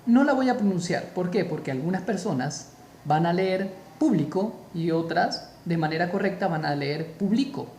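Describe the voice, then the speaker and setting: A man teaching a spoken grammar lesson, slow and deliberate, repeating key terms for emphasis. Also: high voice, lively intonation, darkish tone, roomy sound, slight background noise.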